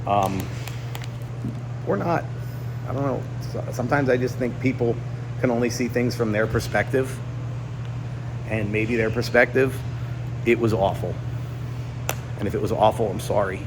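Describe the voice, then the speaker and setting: A man's voice: mid-range voice, moderate pace, pauses often, background noise. A man in his forties, a YouTuber, talking candidly to his viewers in an earnest, confiding way, swinging between emphatic and subdued, standing in a gym. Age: 40s. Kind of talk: candid personal vlog monologue. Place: indoor gym.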